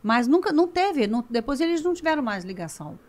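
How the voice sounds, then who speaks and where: A woman in her fifties with a Carioca accent, telling an animated personal story in a casual chat and laughing often. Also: high voice, fast talker. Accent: Carioca Brazilian Portuguese. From Rio de Janeiro suburbs, Brazil. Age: 50s. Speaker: guest.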